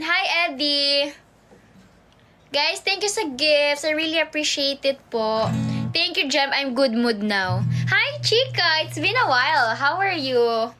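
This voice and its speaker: A young woman with a high, bright voice chats on a phone livestream from home. She reads out viewer comments and drifts between two languages as she goes. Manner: chatty, switches between Tagalog and English, reads viewer comments aloud. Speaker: idol livestreamer. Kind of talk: casual livestream chat reading comments.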